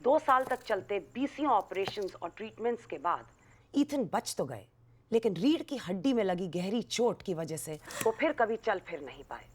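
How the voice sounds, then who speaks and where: An actress playing a television news reporter who delivers a crisp, dramatic news report. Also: female voice, medium pitch, sing-song, moderate pace, slight background noise, close to an everyday voice.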